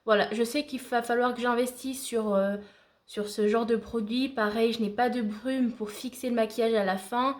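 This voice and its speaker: Chatty woman with a high-ish voice. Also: fairly even intonation, normal speed. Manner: chatty, talks to viewers like friends; hesitant, frequent fillers. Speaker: beauty vlogger. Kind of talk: casual makeup tutorial.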